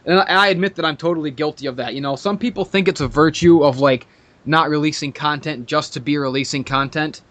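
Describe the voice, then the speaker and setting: A man's voice: a little high, a little fast, fairly bright tone. A man hosting a podcast, ranting in a profane, sarcastic and mock-arrogant way in casual chat. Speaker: podcast host.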